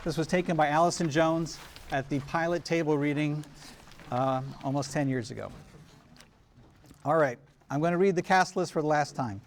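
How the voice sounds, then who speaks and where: A fairly high-pitched man, a showrunner hosting a cast table read, addresses a gathering with a welcome speech and roll call, announcing names and thanks one at a time with pauses. He's in a large room full of people at a live event, and the recording is noisy with a loud crowd.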